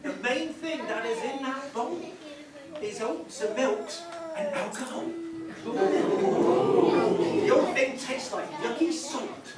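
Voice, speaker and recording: A woman playing Goldilocks as a cheeky, excitable pantomime girl, hamming it up for the audience in broad stage style. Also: high voice, takes it slowly, pauses often, a loud crowd. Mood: hammy. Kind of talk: stage pantomime acting with audience back-and-forth. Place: theatre stage, distant mic. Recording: echoey theatre from far off, music and audience. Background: music and audience noise.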